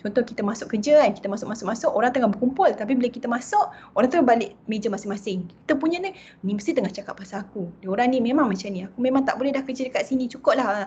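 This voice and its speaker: A woman giving a lively talk on mental health, chatty, tagging her sentences with "ha" and "kan" and slipping English phrases in. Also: fairly high pitch, rapid-fire, highs cut off, a little hiss or hum.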